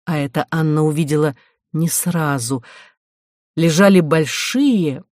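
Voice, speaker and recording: A reader narrating a novel in an even, slow, dry manner. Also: mid-range voice, no room sound. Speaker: audiobook reader. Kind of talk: scripted narration of a historical adventure novel.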